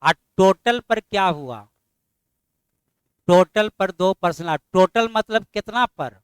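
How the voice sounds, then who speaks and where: Man, math teacher, quizzing and mildly scolding, clear resonant voice. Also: high-pitched, expressive, slow pace, dry recording. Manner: drills students with constant questions, mildly scolding. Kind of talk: classroom math lesson.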